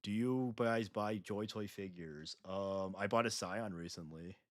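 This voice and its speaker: A man streaming while painting miniatures, chatting casually, joking loudly and laughing often. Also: lowish voice, a little slow, dry recording, studio quality. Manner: loud joking outbursts and frequent laughter. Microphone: home streaming mic.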